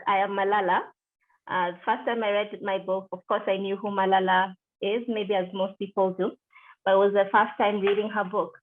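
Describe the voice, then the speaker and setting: A middle-aged Kenyan woman, a deputy country director, is interviewed over a video call. Her mid-range voice is measured, with pauses on filler words and restarted phrases, and it comes through thin and tinny like a call line.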